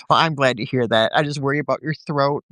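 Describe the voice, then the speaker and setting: In a dry recording, a medium-pitched, slightly bright voice comes from a chatty livestream host at home in the countryside. Still recovering from a bad cold, the host talks casually and laughs a lot during the live-video chat.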